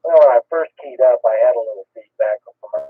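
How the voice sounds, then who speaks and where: A man's voice: medium pitch, fast talker, slightly rough. A man checking in on a ham radio net whose transmission has a tinny, tin-can sound, talking in an easygoing, shrugging way. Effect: tinny tin-can sound on his radio transmission. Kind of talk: casual on-air radio chat. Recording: tinny two-way radio line with feedback.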